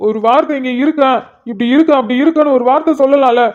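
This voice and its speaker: A woman's voice: high voice, racing, close to an everyday voice. A woman voicing a sentimental young man who is emotional and pleading, in a cartoon. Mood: tearful. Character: tearful sentimental young man meeting an old friend. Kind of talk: cartoon voice acting. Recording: slightly muffled lo-fi audio.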